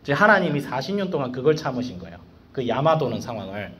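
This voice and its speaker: A man serving as a school evangelist, giving a casual devotional sermon to students in a slangy, animated way full of rhetorical questions. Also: mid-range voice, fast talker, slight background noise.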